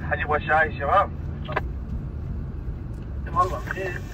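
A man's voice: fairly high pitch, fairly even intonation, moderate pace. A man with a Gulf Arabic accent calling out casually to his companions. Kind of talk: casual chat. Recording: distant, muffled, noisy outdoor vehicle sound.

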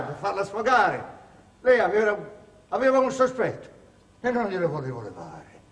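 A proud, cunning clerk nursing a bitter grievance. He speaks slowly and theatrically, dropping to a hush and then rising to a shout. The sound is distant and echoey, caught from far off in a theatre with faint ambience behind. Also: extremely high pitch, heavily acted. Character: proud wronged middle-aged male clerk Ciampa, bitter and cunning. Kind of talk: stage acting. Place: theatre stage. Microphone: distant room mic. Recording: distant echoey stage recording.

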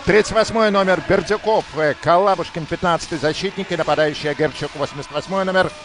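Guy calling hockey live, high voice, excited goal calls, music behind him. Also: fast talker. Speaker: hockey play-by-play commentator. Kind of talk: live sports commentary.

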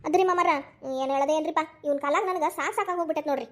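A strict young cartoon mother, played by a woman with a North Karnataka Kannada accent. She scolds briskly in a very high voice, words tumbling out fast. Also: natural voice. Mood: scolding. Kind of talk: cartoon voice acting.

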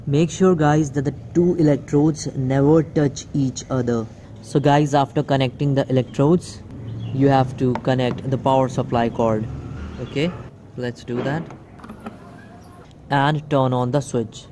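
Speaking in a medium-pitched, warm, steady voice at a slightly slow pace, an electronics video host demos a product step by step, addressing viewers as "guys." He's at an outdoor table beside plants, with slight background noise.

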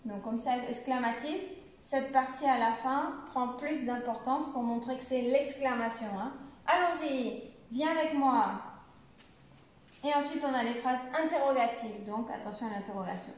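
A woman from France teaching a beginner French class, explaining slowly and clearly and repeating example sentences. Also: fairly high pitch, heavy reverb. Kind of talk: language lesson.

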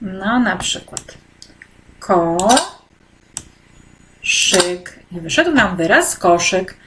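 Slow, patient woman teacher talking children through a lesson. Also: mid-range voice, sing-song, heavy background noise. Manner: slow and patient, with frequent hesitant "e" fillers; speaks directly to children, encouraging. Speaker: primary school teacher. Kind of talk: guiding children through an online e-textbook.

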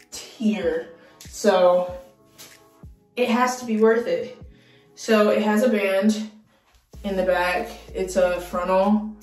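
Young woman vlogger, unhurried and excitable, recorded a bit off-mic in a room with faint music behind. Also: on the low side, distant mic. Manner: excitable, dramatic exclamations. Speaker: beauty vlogger. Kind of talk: casual vlog chat. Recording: roomy, mic set back, faint music.

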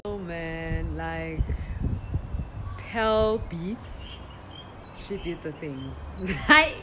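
A young South African woman talks to her viewers in a relaxed, giggly vlog voice. Her voice sits low, and her pace is slow and easy. Light noise hums faintly behind her. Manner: giggly, chatty, self-teasing. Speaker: vlogger. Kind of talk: casual vlog narration.

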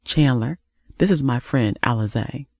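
A man's voice: medium pitch, measured pace, darkish tone, no echo, clean studio sound, natural voice. A narrator voicing a drunk, dismissive young man who drawls in slangy, defiant speech in an audiobook. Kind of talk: audiobook character voice.

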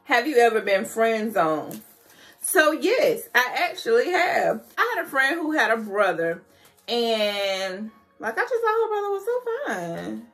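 Bit tipsy lady doing a chatty q&a, kinda high voice, expressive n candid, faint music behind. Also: a little slow. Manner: slightly tipsy, loose and candid; expressive, colloquial, dramatic emphasis. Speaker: vlogger answering questions. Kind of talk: casual chatty Q&A to camera. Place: small decorated room at home, indoors.

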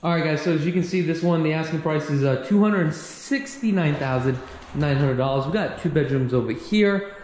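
A real estate agent with a somewhat high, slightly mellow voice gives a casual walkthrough at a moderate pace, filmed on a handheld action camera. He moves through empty condo rooms and along an outdoor walkway, where the rooms echo and some background noise comes through.

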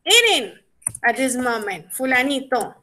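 A woman English teacher leads a conversation class, switching between Spanish and English. Her voice sits high and clear, and she talks slowly. She keeps drawing answers out of her students with repeated questions. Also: expressive, bright, forceful tone. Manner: coaxing students with questions and prompts.

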